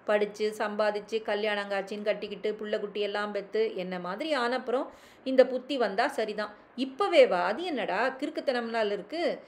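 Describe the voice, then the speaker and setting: A woman voicing a kindly, talkative old village grandfather who teases and scolds gently in rural speech. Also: medium pitch, normal speed, natural voice. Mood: chiding.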